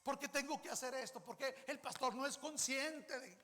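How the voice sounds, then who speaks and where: A resentful church volunteer, fed up and whining through a list of grievances in a raised, pinched voice, as a Mexican-accented man puts him on. The voice sounds bright and edgy, and a long church-hall reverb trails behind every line. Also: very high-pitched, moderate pace, pitched above the performer's own voice. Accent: Mexican Spanish. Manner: whiny, exasperated, rattling off grievances.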